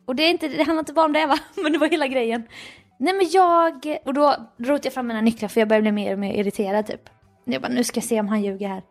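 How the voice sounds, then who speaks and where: A woman with a high voice chats casually and acts out every line of dialogue in her story, laughing often. She says she is worn out. Faint music plays under her voice. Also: steady tone. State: tired. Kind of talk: casual chat.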